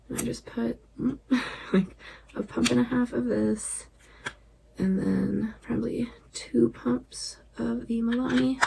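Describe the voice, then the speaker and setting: A woman chatting casually through a makeup tutorial at home at night, relaxed and chatty, often dropping to a near-whisper. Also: on the high side, creaky, noisy background. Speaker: beauty vlogger.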